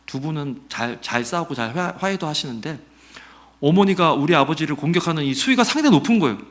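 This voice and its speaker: Preaching on a Sunday, this middle-aged pastor talks fast in a voice that runs on the high side. He keeps it lively and conversational, questioning the congregation and acting out the quotes he uses.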